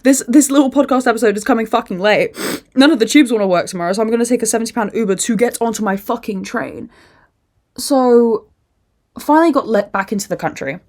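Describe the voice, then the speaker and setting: A young woman hosting a casual podcast, telling a rambling, animated story full of swearing and acting out other people's voices. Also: medium pitch. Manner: acts out other people's lines in put-on voices. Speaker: podcast host.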